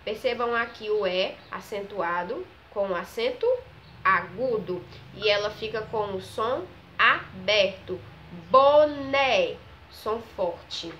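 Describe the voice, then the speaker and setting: A woman, teaching a children's grammar lesson. She talks slowly, stretches out each example word, and keeps checking in with the class. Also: mid-range voice, bright, forceful tone, lo-fi sound, a little hiss or hum. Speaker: primary school teacher.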